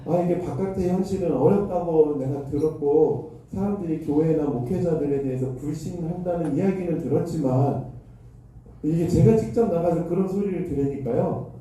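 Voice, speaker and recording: A man's voice: on the high side, moderate pace, dark tone, a little hiss or hum. A man who is a pastor, telling a self-deprecating story in his sermon. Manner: self-deprecating anecdotal storytelling with acted quotes. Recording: echoey hall, mic far off.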